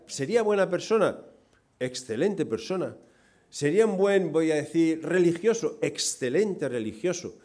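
Conversational preacher, lively delivery. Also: male voice, medium pitch. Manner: conversational, asks the congregation questions; dynamic, swings from loud emphasis to quiet asides. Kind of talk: sermon.

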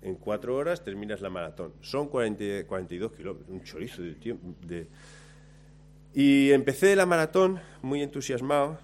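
A man's voice: medium pitch, moderate pace, slight background noise. Self-mocking man telling a story. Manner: lively, self-mocking, acts out his own lines. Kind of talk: anecdote told to listeners.

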